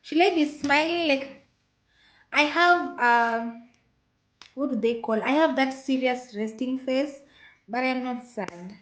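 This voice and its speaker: A Kenyan woman with a Kenyan accent hosts a live stream, chatting casually and slowly with viewers, repeating phrases and reading their comments aloud. Her voice is high-pitched and fairly bright, though the audio quality is poor.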